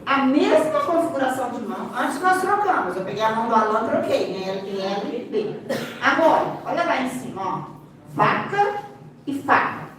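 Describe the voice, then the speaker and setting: Speaking at normal speed in a sing-song, highish voice, a Brazilian Portuguese-accented woman who interprets sign language walks a live seminar audience through the material, often pointing them to the demonstration and adding playful remarks. The recording is very echoey, distant-miked, with faint room noise.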